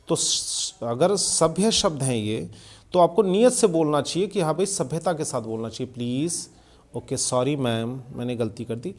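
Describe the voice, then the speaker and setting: Man teaching English grammar. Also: on the high side. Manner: explains slowly with examples, often checking understanding. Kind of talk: video lesson explaining English grammar.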